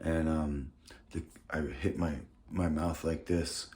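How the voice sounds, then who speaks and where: Slow and a little mellow, this vlogger's bass voice barely moves in pitch as he rambles casually through a morning vlog. A bitten, swollen tongue makes his words slightly thick and impeded. The recording carries a roomy echo and faint background noise.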